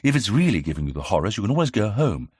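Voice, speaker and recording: A man playing an eager 1920s gentleman sleuth. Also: on the low side, very animated, breathy edge, dry recording, studio quality, pitched above the performer's own voice. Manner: brisk, self-assured. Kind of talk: audiobook character reading.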